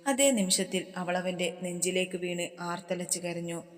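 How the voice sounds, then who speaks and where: A woman's voice: fairly low pitch, moderate pace, big-room sound. A woman narrating a romantic story and reading every character's lines herself. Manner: reads all parts herself, dramatic.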